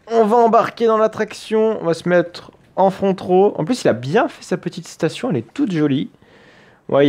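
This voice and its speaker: A man with a somewhat high voice talks through a video game in a relaxed let's-play style. He is chatty and enthusiastic, thinking aloud as he plays. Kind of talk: casual let's-play commentary.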